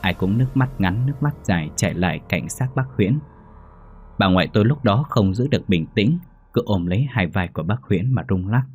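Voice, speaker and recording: A man narrating a ghost story in a steady, somber way. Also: fairly low pitch, brisk, husky, soft background music.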